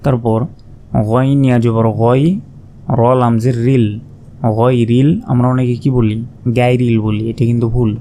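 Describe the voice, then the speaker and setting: A man teaching recitation, spelling out each syllable slowly and then reciting with long drawn-out vowels. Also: mid-range voice, flat delivery, warm tone, a little hiss or hum. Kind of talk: slow spelled-out pronunciation lesson.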